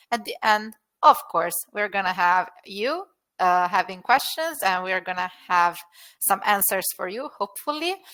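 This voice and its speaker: A woman presents a university webinar over a video call. Her voice is bright and forceful, and she talks in a chatty, upbeat way, filling gaps with "um" and "well". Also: mid-range voice. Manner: upbeat, chatty, with many fillers. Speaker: university recruitment staff.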